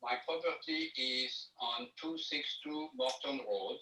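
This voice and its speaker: A man phoning in on speaker, the phone held away from the mic, giving halting testimony about his property with many fillers and restarts. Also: mid-range voice, sharp tone, slight background noise. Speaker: property owner presenting a grievance. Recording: echoey, distant speakerphone audio.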